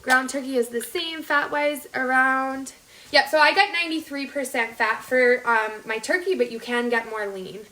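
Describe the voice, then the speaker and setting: In a noisy, echoey home kitchen full of clicks, a Las Vegas woman in her thirties hosts a live cooking show and talks informally right to her audience. She has a North Dakota, upper Midwestern American accent and a high, pushed, bright voice at a moderate pace.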